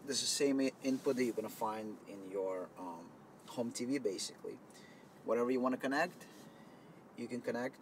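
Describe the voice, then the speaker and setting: A man's voice: mid-range voice, normal speed. A man giving a loose, conversational product demo inside a car, explaining as he goes, recorded on a camera mic. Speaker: product demonstrator. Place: inside a car, partly outdoors in wind. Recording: faint wind noise on camera mic.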